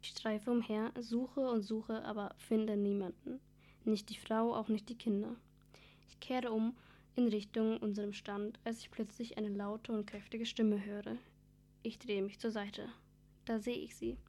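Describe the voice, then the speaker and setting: A woman reading a children's story aloud in first person. Her voice is mellow and dark, and her pitch stays flat. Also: unhurried.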